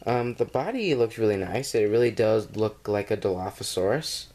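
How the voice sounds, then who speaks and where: A man's voice: on the low side, lively intonation, moderate pace, darkish tone. A man with a cold, reviewing a toy in a casual, rambling way, full of ums and uhs, filmed at home on a camera mic. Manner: rambling and hesitant, with many fillers. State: has a cold.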